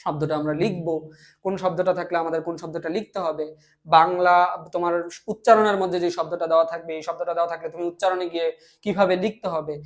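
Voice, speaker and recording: A young man from Bangladesh teaching a language lesson, explaining step by step, often repeating himself and answering his own questions. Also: high-pitched. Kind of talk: classroom lecture.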